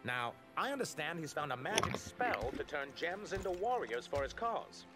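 Worried dragon elder, slightly high and expressive, with game music behind. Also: male voice, moderate pace. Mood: concerned. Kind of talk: video game cutscene voice acting.

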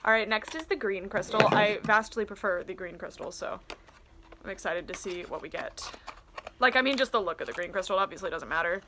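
A young woman in her twenties chatting casually through a toy unboxing in a small room, excitable and full of "um" and "like", filmed by a camera on her desk. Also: medium pitch, a little fast, background noise. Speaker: toy collector vlogger. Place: small indoor room lined with doll shelves. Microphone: camera on desk at close range. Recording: loud crinkling of plastic packaging. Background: crinkling packaging and clicks.

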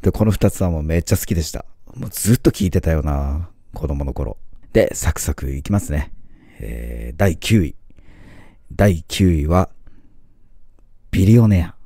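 A man's voice: extremely low pitch, animated, normal speed, creaky, long pauses, mellow, slightly rough, no echo, studio quality. A man in his forties chatting casually in a vlog, talking with enthusiasm and plenty of filler words. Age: 40s. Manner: enthusiastic fan talk with many fillers. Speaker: vlogger. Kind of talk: casual chat.

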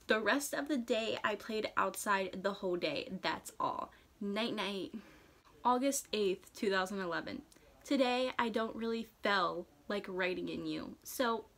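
A young American woman reading and chatting casually, with an animated, theatrical delivery and amused self-mockery. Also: medium pitch. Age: young adult. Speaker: vlogger. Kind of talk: casual chat and reading own childhood diaries aloud. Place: dark room indoors at home.

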